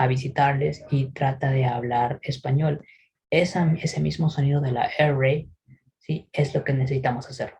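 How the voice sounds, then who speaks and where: A man teaching English pronunciation in a recorded lesson, patiently explaining and often checking in with a quick "¿sí?". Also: medium pitch, creaky, darkish tone, breathy edge, muffled recording. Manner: models English words slowly for repetition.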